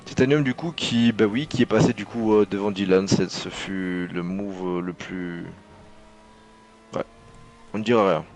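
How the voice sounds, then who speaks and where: Male race co-commentator, lowish voice, casual live delivery, opinionated and teasing. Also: fairly even intonation, unhurried, a little mellow. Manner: opinionated, mocking motorsport commentator. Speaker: motor racing co-commentator.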